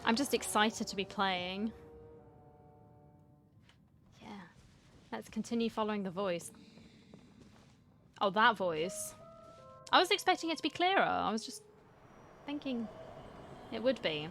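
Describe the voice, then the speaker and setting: A woman's voice: medium pitch, animated, measured pace, long pauses, fairly bright tone, soft background music. Playful chatty woman streaming a game. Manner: playful, chatty, reacts aloud and reads lines along with the game. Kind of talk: casual gaming commentary.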